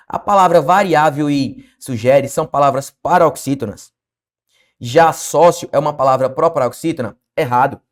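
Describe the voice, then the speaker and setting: A Brazilian man teaching an online exam-prep grammar lesson, talking lively and answering his own questions as he goes. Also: on the high side. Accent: Brazilian Portuguese.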